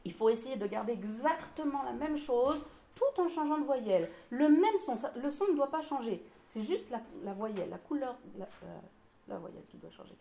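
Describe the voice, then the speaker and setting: A woman's voice: high-pitched, animated, normal speed, vocal fry, warm tone, roomy sound. A woman leading a choir rehearsal, encouraging the singers and explaining vocal exercises, sometimes singing examples. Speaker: choir director.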